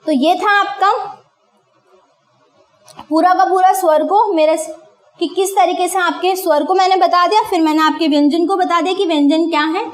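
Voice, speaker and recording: A woman's voice: very high-pitched, echoey room. A woman teacher giving a classroom grammar lesson. She asks questions and answers them herself, repeating key terms for emphasis.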